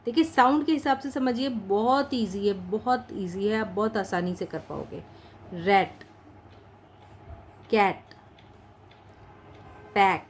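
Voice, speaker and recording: Woman, patient shorthand teacher, Indian English words, fairly high voice, faint hiss behind. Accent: Indian English words mixed into Hindi. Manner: patient, explains slowly, repeats words. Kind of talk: online lesson, dictating practice words.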